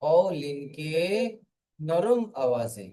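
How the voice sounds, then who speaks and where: A man's voice: on the high side, very animated, very slow, warm tone, rough recording. A man teaching an online Quran reading class, patiently spelling letters aloud and having students repeat after him.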